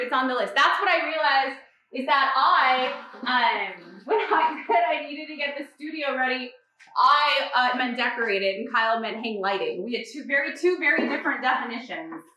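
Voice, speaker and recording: A woman's voice: high voice, animated, normal speed, pushed and bright, very echoey, recorded from a distance, slight background noise, low-quality recording. A woman hosting a live decorating tutorial, chatty and bubbly, laughing often as she works. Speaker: holiday decorator and host. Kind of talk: live-stream tutorial chat. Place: decorating studio.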